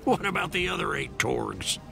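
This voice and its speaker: An actor playing a gruff, gravelly old alien fisherman in a video game, rambling and world-weary. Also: a little high, sing-song, moderate pace, very noisy, full character voice. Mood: wry, weary. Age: older.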